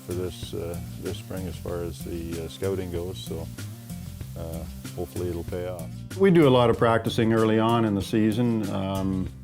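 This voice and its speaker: A man hunter talking about his preparation in a relaxed way, with many fillers. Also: sits low, moderate pace, music in the background. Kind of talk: casual interview.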